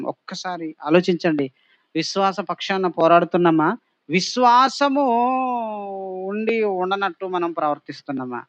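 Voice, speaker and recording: A man's voice: high voice, dry recording, highs cut off. A male pastor preaching a sermon, pressing the congregation with repeated rhetorical questions and emphatic exhortations.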